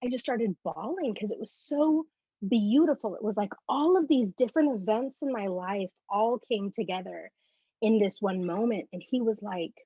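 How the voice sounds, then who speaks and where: A woman guest on a faith interview, sharing a personal testimony in a bubbly, animated storytelling way. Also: medium pitch, normal speed, breathy edge, no echo. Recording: dull, slightly lo-fi recording.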